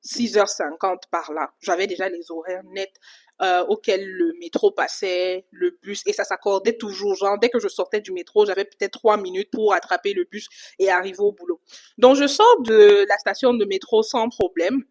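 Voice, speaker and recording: A woman from Cameroon telling a personal story in a casual, animated vlog. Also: medium pitch, normal speed. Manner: animated retelling, casual fillers. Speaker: vlogger.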